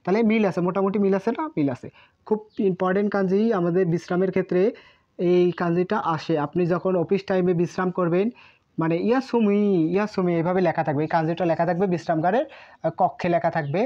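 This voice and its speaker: This woman teaches kanji in Bengali as a Japanese language teacher, patiently going over each word again and again. She talks fast, with a fairly low pitch and a steady tone, captured on a muffled lo-fi recording.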